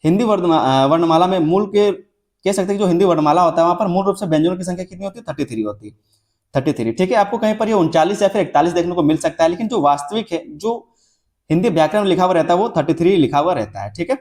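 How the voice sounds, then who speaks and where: High-voiced man teaching a repetitive lecture. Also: animated, darkish tone. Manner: repetitive, drawn-out example words with frequent checks like "theek hai". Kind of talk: classroom lecture.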